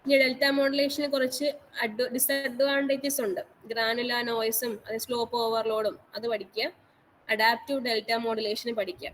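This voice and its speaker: Brief: woman lecturer on an online class call, higher pitch, repeats every instruction, faint background noise. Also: flat delivery, normal speed, poor audio. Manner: repetitive, instructive, mixes English terms into speech. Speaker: college teacher.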